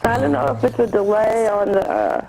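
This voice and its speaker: Tired, husky woman caller on a phone line. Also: medium pitch, wildly swooping pitch, fairly quick, faint music behind. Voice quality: soft, tired-sounding. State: losing her voice. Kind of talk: phone call-in chat.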